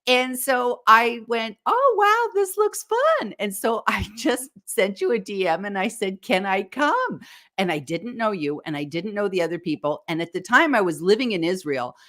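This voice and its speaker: A woman's voice: mid-range voice, normal speed, hardly any pauses, fairly bright tone. An American woman, a guest on a live chat show, telling stories in a chatty, upbeat way. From United States. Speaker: guest, live stream coach. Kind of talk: casual interview chat.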